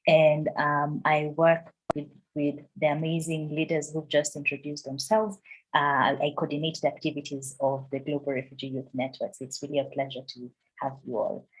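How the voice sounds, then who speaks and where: A woman from South Sudan coordinating an online youth network meeting, encouraging and quick to laugh. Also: low voice, little pitch movement, breathy edge, low-quality recording.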